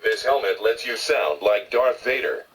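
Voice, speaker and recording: A man voicing a menacing helmeted villain as a toy's demo, his deep voice run through a voice-changer filter and played from a small speaker. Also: lively intonation, unhurried. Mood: ominous. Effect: deep voice-changer filter, played from a toy helmet speaker. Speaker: toy demo announcer. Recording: distant toy speaker with loud noise.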